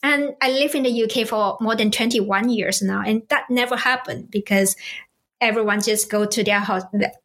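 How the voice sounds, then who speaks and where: A woman's voice: on the high side, normal speed, a bit bright. A woman from Malaysia, a guest speaker explaining cultural ideas in a conversational way, with rhetorical questions and many fillers. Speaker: guest expert on cross-cultural business.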